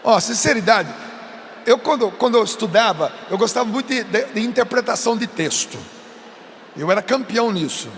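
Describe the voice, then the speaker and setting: High-voiced Brazilian preacher shouting to youth. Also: male voice, animated, moderate pace. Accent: Brazilian Portuguese. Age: adult. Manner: emphatic, shouting and coaxing the crowd. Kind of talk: sermon to a youth crowd. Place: large event stage. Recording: long reverb of a big venue, faint noise.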